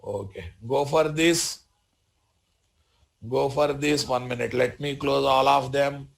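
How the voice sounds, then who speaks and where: A man with a Telugu Indian accent gives a live programming lesson at a middle pitch. He speaks in short instructional phrases, says key points again, and keeps checking understanding with questions. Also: fairly even intonation, slow pace, gravelly. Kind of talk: live software tutorial.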